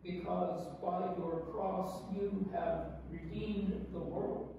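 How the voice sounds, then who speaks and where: A man slowly intoning prayers and readings as the officiant of a church service, heard with a cathedral echo. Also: sits high, steady tone, dark tone, muffled recording, slight background noise. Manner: slow, solemn intoning. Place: large church. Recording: cathedral echo heard from far off, faint ambience.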